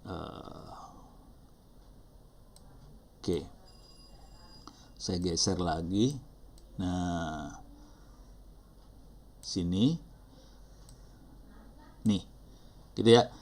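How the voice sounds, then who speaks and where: A man's voice: sits low, drawn-out words, creaky, pauses often, darkish tone, slight background noise. A middle-aged man with an Indonesian accent teaching an online class, talking casually and apologizing often as he thinks aloud. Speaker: instructor. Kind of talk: live online teaching session.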